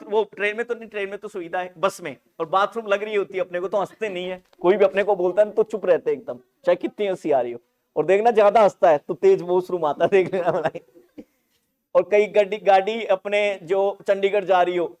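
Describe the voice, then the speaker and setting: High-voiced joking nursing teacher. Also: male voice. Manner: joking, teasing students for laughing; animated, laughs often. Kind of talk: online class lecture.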